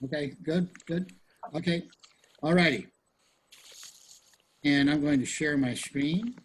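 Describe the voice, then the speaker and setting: A man's voice: fairly high pitch, slow, slight background noise, poor audio. A man leading a casual study group discussion on a video call, rambling with many restarts and fillers.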